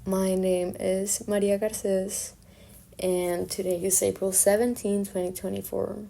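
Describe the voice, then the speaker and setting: A young woman, a native Spanish speaker with a Colombian accent, gives an informal, reflective self-introduction as an artist and fine arts student. Her voice is medium-pitched, warm and gravelly, with a flat delivery and a slightly slow pace.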